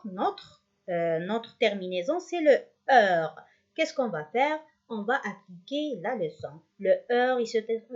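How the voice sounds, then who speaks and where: Woman teacher, slow and sing-song delivery, dull lo-fi sound. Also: mid-range voice, darkish tone. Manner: slow, drawn-out syllable drilling, switching to quick asides. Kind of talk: classroom lesson.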